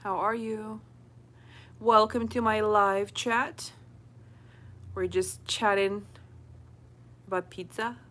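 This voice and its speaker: A woman's voice: mid-range voice, flat delivery, slow pace, long pauses, fairly bright tone. A young woman hosting a casual livestream, chatting with viewers, answering comments and laughing often. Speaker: livestream host. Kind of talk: casual live chat with viewers.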